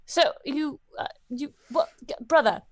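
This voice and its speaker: A woman's voice: high-pitched, a little slow. A woman playing a tabletop game, talking casually in character. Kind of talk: casual in-character role-play.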